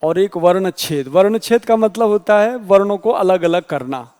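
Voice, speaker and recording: High-voiced man teaching grammar, echoey room. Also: animated, darkish tone, clean tone. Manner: explanatory, spells out letters slowly. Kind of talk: exam-prep Hindi grammar lecture.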